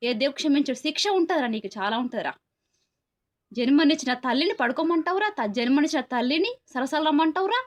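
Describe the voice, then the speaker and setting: A woman with a high voice, scolding and lecturing in an angry moral rant. She piles up rhetorical questions, one after another. The sound is dull and lo-fi. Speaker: commentator.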